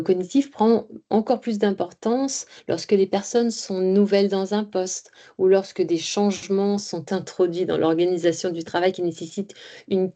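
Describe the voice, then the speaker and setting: Female expert presenter, mellow and slightly low, explaining findings. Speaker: expert speaker.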